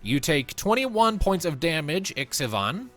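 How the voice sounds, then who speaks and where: A man's voice: a little high, unhurried. A man running a tabletop role-playing game as game master, chatty and full of fillers, with music behind. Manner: chatty, animated, filler-heavy.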